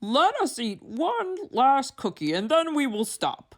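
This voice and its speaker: Woman voicing excitable, anxious storybook Toad, animated pitch. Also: takes it slowly, heavily acted. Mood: greedy, pleading. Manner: exclaiming, emphatic, expressive.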